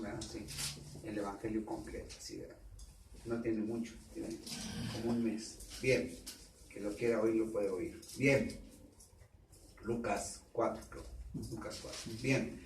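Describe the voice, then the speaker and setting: A man with a Mexican Spanish accent preaching a sermon, repeating himself and asking the congregation rhetorical questions, at times suddenly loud. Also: fairly low pitch. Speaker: pastor. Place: church. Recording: echoey room, distant mic, faint background noise.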